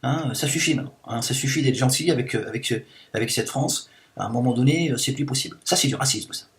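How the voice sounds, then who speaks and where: With a quick pace and a mid-range, lightly acted voice, a man rants as a self-declared liberated woman in a satirical piece. His indignant, mock-outraged delivery rambles along on endless fillers.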